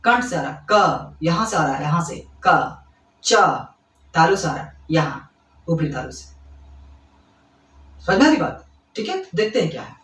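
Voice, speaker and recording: In an echoey room far from the mic, a man with a fairly high, sing-song, fairly bright voice gives a classroom-style grammar lesson to school students. He explains by repeating, checks in with "ठीक है" and quick questions, and fondly addresses them as kids.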